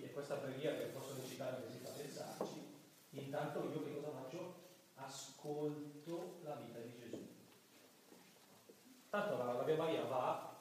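A man giving a sermon-style talk as a priest, lively, acting out the voices of people praying to mock them. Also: mid-range voice, slight background noise. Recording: echoey church from a distant mic.

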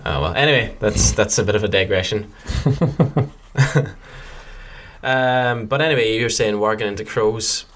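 A low-voiced man with a Donegal Irish accent talks as a podcast co-host. He chats in a casual, rambling style, with a joking streak. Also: a little slow, long pauses, a bit bright, slight background noise. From County Donegal, Ireland. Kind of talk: casual fan podcast chat.

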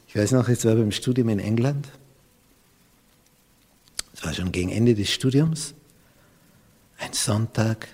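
Husky Austrian pastor preaching in a hall. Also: male voice, mid-range voice. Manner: dramatic swings from loud emphatic peaks to hushed near-whispers. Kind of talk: sermon.

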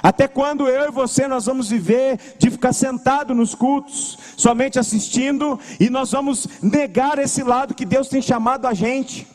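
A young man preaching a sermon in Brazilian Portuguese, with lively storytelling in which he acts out what people say. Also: very high voice, normal speed, few pauses, in a large hall. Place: church.

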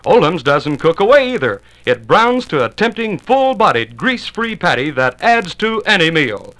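A man's voice: on the high side, sing-song, normal speed, a bit bright, rough recording. A man announcing a 1950s radio commercial with an enthusiastic salesman delivery, on an old disc recording.

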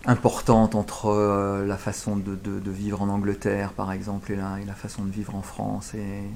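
Un homme qui mène une interview et pose ses questions en les reformulant plusieurs fois. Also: male voice, on the low side, completely flat delivery, normal speed, vocal fry, darkish tone, slight background noise. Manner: probing, rephrases his questions.

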